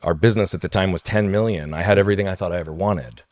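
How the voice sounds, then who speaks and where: A man's voice: low voice, rapid-fire, a little mellow, no room sound. A man speaking as a guest on an interview podcast, telling his story emphatically and often checking in with "right?". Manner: emphatic, tags points with "right?".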